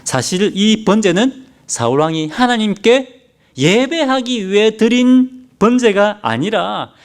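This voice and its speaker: A man's voice: high voice, expressive, slow. A male pastor preaching a sermon emphatically and asking the congregation many rhetorical questions.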